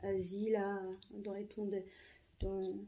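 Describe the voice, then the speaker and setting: A woman giving casual unboxing commentary in a halting, soft-spoken way, with many fillers and repeated words. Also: medium pitch, little pitch movement. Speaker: vlogger.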